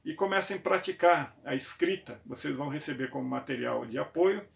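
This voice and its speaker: Gravelly São teacher, echoey room. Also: male voice, fairly high pitch. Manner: explanatory, repeats sounds and letters slowly, checks in with "né?". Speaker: theology teacher. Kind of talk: classroom lecture.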